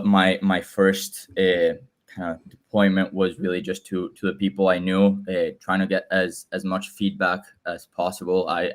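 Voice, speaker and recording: A young man from Guatemala, a guest explaining his app in casual chat, with frequent halting repeats. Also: low voice. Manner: halting, repeats words as he talks. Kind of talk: casual video call chat. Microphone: video call.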